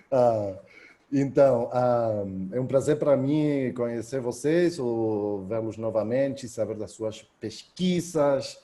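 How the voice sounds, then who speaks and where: A man's voice: mid-range voice, slow pace, dark tone. A man from Argentina with an Argentine Spanish accent, speaking Spanish-tinged Portuguese as a joking, hesitant guest researcher in a seminar held over a video call.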